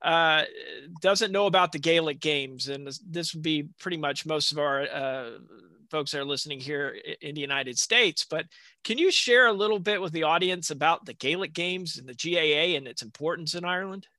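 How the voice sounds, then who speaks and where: A man hosting a podcast interview in a casual, halting way, often repeating words as he gets to his point. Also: on the high side, bright, forceful tone, dry recording. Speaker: podcast host.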